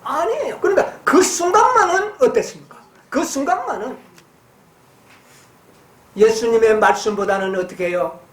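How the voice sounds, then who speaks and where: A woman preaching a sermon. She reads passages slowly and then explains them, asking her listeners questions and answering them herself. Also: on the high side, animated, echoey room. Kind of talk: sermon with Bible reading.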